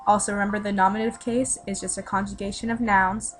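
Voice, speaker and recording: A woman's voice: medium pitch, flat delivery, quick pace, poor audio. Teen girl explaining stuff step by step, chatty, music playing under her voice. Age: teens. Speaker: student teaching a lesson. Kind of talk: casual voice-over lesson. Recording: voice-over with music behind.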